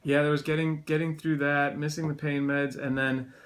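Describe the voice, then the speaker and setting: A man's voice: on the high side, flat delivery, normal speed. A man recovering from throat surgery with a sore throat talks casually in a rambling, conversational way, like a personal vlog update. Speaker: video blogger.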